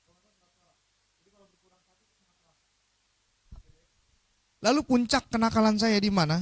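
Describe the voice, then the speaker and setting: A young man giving a motivational talk, telling a story in an animated, jokey way and often putting questions to his audience. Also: high-pitched, very noisy. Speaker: motivational speaker.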